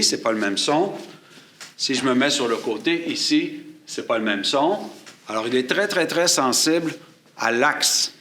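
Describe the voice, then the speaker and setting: A man teaching a class, explaining and demonstrating microphones at a studio table with a boom-mounted shotgun mic above him. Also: fairly bright tone. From Quebec. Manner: explanatory, demonstrating gear while talking. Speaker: photography and sound instructor. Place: studio table set up for filming. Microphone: shotgun mic on a boom above, aimed at his chest.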